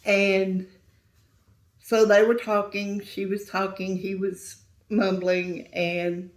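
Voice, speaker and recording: Middle-aged woman, interview guest, soft-spoken, hushed at times, echoey room. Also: medium pitch, level tone, takes it slowly. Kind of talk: emotional interview storytelling. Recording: roomy echo.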